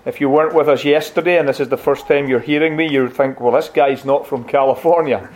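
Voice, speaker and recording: Scottish pastor preaching, slightly high voice. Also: male voice, steady tone, brisk. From Scotland. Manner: warm, conversational, gently humorous pulpit delivery. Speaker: visiting pastor. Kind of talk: sermon with scripture reading. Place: church sanctuary.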